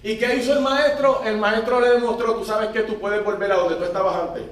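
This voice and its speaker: A man preaches in a steady, high-pitched voice at a fairly quick clip, prompting the congregation to say phrases back to him. It was captured by a faraway mic in a large church hall full of echo.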